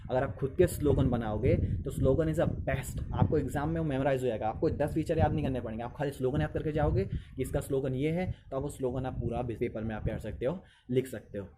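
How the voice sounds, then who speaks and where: Male teacher, chatty and repetitive, mid-pitched, recorded with a noisy hiss. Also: fairly quick, few pauses. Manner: conversational, repeats phrases, mixes English into Hindi. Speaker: teacher giving study tips. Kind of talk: casual spoken study advice.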